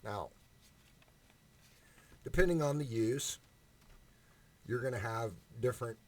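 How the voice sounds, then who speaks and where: Speaking slowly in a medium-pitched, slightly mellow voice, an amateur singer offers audition advice in a casual vlog rant. He's blunt, emphatic and fond of swearing, talking right up against a condenser mic used without a preamp.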